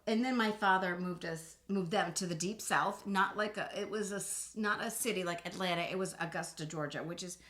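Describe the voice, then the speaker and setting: Middle-aged lady cohosting a podcast, bright voice, keeps doing little voices in her stories. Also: on the low side, a little fast, few pauses. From Boston. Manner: animated storyteller, acts out voices. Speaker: podcast co-host. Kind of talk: casual chat.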